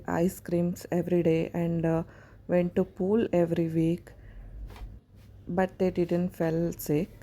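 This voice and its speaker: A woman in her thirties with a South Indian accent, narrating a casual home vlog in plain everyday phrasing with hesitant pauses. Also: lowish voice, warm tone. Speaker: home vlogger.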